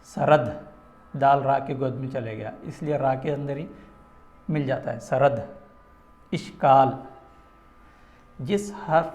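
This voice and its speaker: A man's voice: mid-range voice, a little mellow, roomy sound. A man teaching a phonetics lesson, patiently sounding out example words one at a time.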